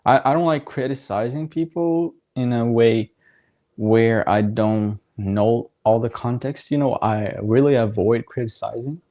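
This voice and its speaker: A young man casually talking over a soccer match on his livestream, rambling with lots of fillers and little laughs. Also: on the low side. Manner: relaxed, rambling, filler-heavy, laughs often. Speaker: livestream watchalong host. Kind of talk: casual live commentary.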